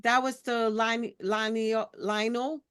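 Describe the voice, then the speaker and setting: A woman's voice: on the high side, little pitch movement, slow pace, a bit bright, smooth, dry recording, studio quality. A woman leading a community board committee meeting over a video call, recapping matter-of-factly in a loose, conversational way.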